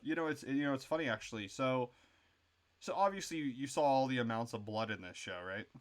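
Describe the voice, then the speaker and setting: A man's voice: mid-range voice, animated, a little fast. A man co-hosting a casual show review, rambling with lots of fillers and frequent swearing. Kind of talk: casual chat.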